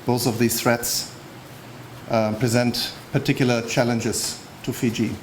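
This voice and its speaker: A man speaking as an international official, delivering a formal prepared speech in a measured way at a public event. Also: medium pitch, flat delivery, poor audio. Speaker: United Nations official giving a speech. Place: public launch event venue. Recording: faint background noise at event.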